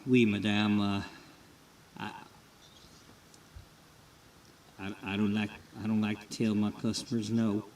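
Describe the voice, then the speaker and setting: A man's voice: lowish voice, flat delivery, normal speed, a little mellow, reverberant, far from the mic, slight background noise, close to an everyday voice. A man voicing a nervous, stammering male tile contractor in a life-sim game story, eager to please a client. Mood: anxious.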